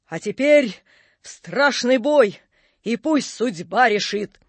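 A man playing a pompous, blustering Napoleon in a fairground show, declaiming loudly and slowly. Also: very high voice, expressive, no room sound, full character voice. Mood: bombastic. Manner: declaiming, bombastic.

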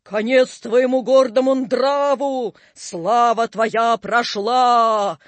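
A man voicing a menacing ghostly Death figure in a sepulchral, slow, howling voice. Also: extremely high pitch, steady tone, dry recording, heavily acted.

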